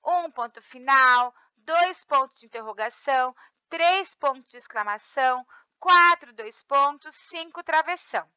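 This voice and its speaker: Here the Brazilian teacher, accented in Brazilian Portuguese, sounds high-pitched, bright, and forceful, expressive but measured in pace. She reads from the textbook in a recorded remote class, repeatedly using tag questions to check on her students. The sound is lo-fi with no echo.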